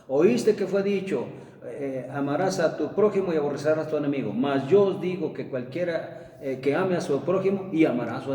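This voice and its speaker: Preacher, distant echoey room. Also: male voice, dark tone, a little hiss or hum. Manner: emphatic, rises for quotes then drops low. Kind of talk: sermon.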